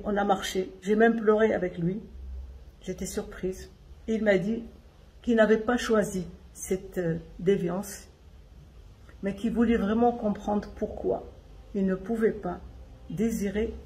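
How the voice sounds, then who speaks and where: An older woman giving personal testimony as an association founder, in deliberate phrases with pauses. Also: medium pitch, fairly even intonation, mellow, poor audio.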